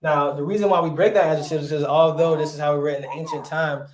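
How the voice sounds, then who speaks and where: A man's voice: fairly high pitch, fairly even intonation, fast talker. A man teaching a casual classroom lesson in a conversational way, often asking rhetorical questions. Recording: roomy echo.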